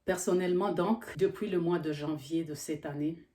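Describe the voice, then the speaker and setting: A middle-aged woman from Congo with a low, deep voice speaks earnestly to the camera as a health professional. She talks steadily but often pauses to search for words. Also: fairly even intonation, warm tone. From Democratic Republic of the Congo. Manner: earnest, with frequent hesitations. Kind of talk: earnest educational monologue.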